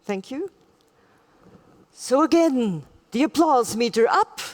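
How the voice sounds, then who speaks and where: A woman's voice: sits high, animated, slow. A woman moderates a live conference session, playfully coaxing the audience to take part. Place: large indoor conference hall.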